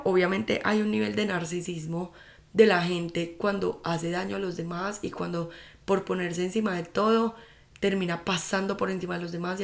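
A woman's voice: fairly low pitch, vocal fry. A young woman hosting a casual solo podcast, chatty and full of fillers. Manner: chatty, fillers like "como que" and "o sea". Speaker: podcast host and mentor.

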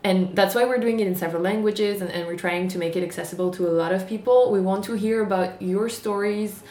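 A woman's voice: mid-range voice, fairly even intonation, fast, warm tone. A young woman co-hosting a podcast, talking earnestly in casual chat while losing her voice. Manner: earnest, talkative. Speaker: podcast co-host. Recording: echoey room with faint ambience.

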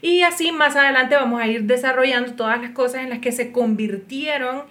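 A woman's voice: sits high, a little fast, a bit bright. Chatty woman host. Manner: chatty, encouraging backchannel. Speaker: podcast host. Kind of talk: casual interview conversation.

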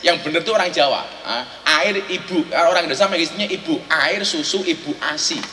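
A man's voice: fairly high pitch, a little fast, bright, forceful tone, a little hiss or hum. A man with a Javanese accent giving a joking sermon full of rhetorical questions and teasing asides, recorded in a large hall. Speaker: Islamic preacher. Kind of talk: humorous sermon. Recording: echoey hall, faint ambience.

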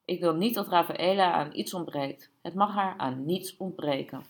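A woman reading aloud, voicing a boastful, restless middle-aged man who swings between loud bragging and whispers. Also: lowish voice, moderate pace, close to an everyday voice. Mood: boasting.

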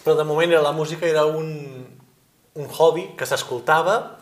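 A man's voice: a little high, steady tone, normal speed, reverberant. A man interviewing a guest in her studio, friendly with some hesitant restarts. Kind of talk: interview questions. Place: singing studio.

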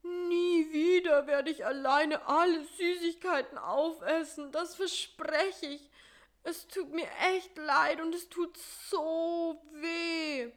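A woman's voice: medium pitch, takes it slowly, hardly any pauses, natural voice. A woman doing a whiny, wailing spider. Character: whiny male cross spider with toothache.

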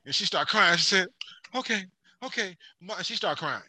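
A man's voice: high voice, fairly quick, bright, forceful tone, breathy edge, no room sound. A man telling childhood stories in a casual chat, profane, acting out the voices of the people in them.

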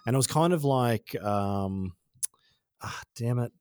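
Australian man, podcast guest, mid-pitched voice, laid-back, rambling, slangy, dry close sound. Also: animated, slow pace, a little mellow, clean tone, no echo. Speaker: podcast guest, former freestyle motocross rider. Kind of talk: casual conversation.

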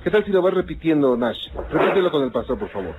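A male radio host calmly questioning a caller and narrating what happened. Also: on the high side, noisy background. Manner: calm, measured questioning. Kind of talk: radio call-in show. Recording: phone-like archive radio with music.

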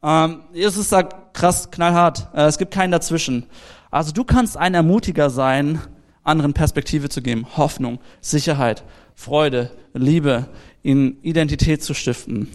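A young man gives a relaxed, storytelling sermon and talks straight to the people in front of him. His voice sits fairly high for a man, and he keeps the talk personal and informal. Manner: lively, anecdotal, direct address to the audience. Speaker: preacher. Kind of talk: casual youth sermon.

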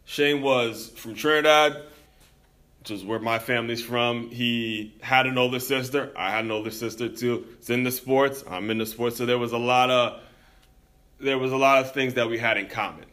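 A young American man hosting a podcast tells a personal story directly to his listeners in an earnest, reflective monologue. His bright, forward voice is mid-range, with fairly even intonation and a moderate pace.

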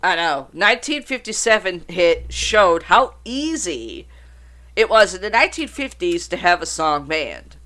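Reading from notes about banned songs, a podcast host keeps stopping to riff, joke and swear in uncensored, casual fashion. It's a mid-range voice, very animated yet unhurried, with a bright, forceful tone.

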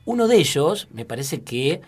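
A man's voice: a little high, very animated, moderate pace, a little mellow, husky. A man co-hosting a casual radio show, hesitant with many fillers. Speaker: radio co-host.

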